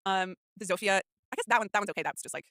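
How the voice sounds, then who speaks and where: A woman's voice: medium pitch, rapid-fire, fairly bright tone, dry recording, studio quality. A woman co-hosting a podcast, chatting casually about a film in a rambling way, full of false starts and filler words. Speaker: podcast co-host.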